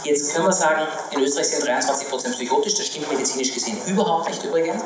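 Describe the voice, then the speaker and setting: Fast-talking man on a panel stage. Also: on the high side, a crowd in the background. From Iran. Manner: fast, emphatic, explanatory. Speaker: physician in a panel discussion. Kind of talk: public panel debate. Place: small stage with live audience. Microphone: handheld mic. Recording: echoey room, mic heard from a distance, audience noise.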